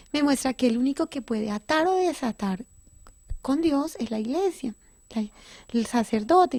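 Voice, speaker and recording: A woman's voice: fairly high pitch, dark tone. A middle-aged woman giving an earnest, emotional personal testimony in an interview, often restarting and correcting herself.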